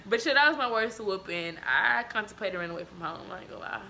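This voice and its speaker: Bright-voiced woman podcast co-host. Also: mid-range voice, fast talker, a little hiss or hum. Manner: animated storytelling, laughs often. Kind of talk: casual chat.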